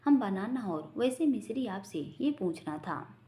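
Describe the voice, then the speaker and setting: A cheeky, bantering young man from a family storybook, as a woman narrator reads him. His lines swing lively up and down, in a soft, mellow tone. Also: high-pitched, a little slow, full character voice. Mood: teasing. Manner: bantering, teasing. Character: playful joking young man, teasing and cheeky.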